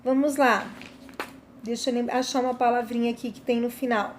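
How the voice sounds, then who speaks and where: A Brazilian woman teaching a Portuguese lesson to young children, with a slow, emphatic manner and frequent checks like "né?". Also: fairly high pitch, fairly even intonation, a little hiss or hum. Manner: warm, slow, emphatic, often asks "né?" and "tá?". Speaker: primary school teacher.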